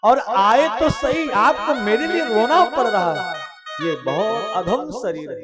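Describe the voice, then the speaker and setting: Man voicing a humble old devotee, weeping, pleading, slightly high voice, loud background music. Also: animated, a little slow.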